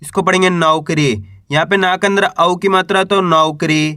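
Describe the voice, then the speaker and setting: A man with a high, bright voice teaches reading. He breaks each word into syllables, says them slowly, then asks the listener to repeat. The close recording is dry, with no room sound. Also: fairly even intonation, no room sound. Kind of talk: spoken lesson.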